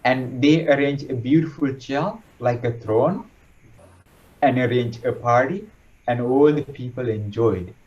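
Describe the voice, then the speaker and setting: A man giving a sermon as a monk, retelling a story in a halting way, often repeating and correcting himself. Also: medium pitch, a little mellow. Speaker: monk giving a Dhamma talk. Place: monastery hall. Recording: distant, dull lo-fi recording.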